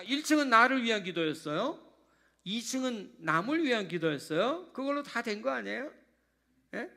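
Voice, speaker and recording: High, gravelly-voiced Korean pastor preaching. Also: male voice. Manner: animated preaching, sudden drops to hushed tones; acts out little prayer dialogues. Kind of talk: sermon. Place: church sanctuary.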